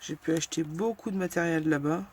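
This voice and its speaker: A woman's voice: deep voice, fairly quick, a little mellow, slightly rough. A woman hosting a casual crafting tutorial, chatting frankly and narrating each step as she works, with lots of fillers. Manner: self-deprecating and frank.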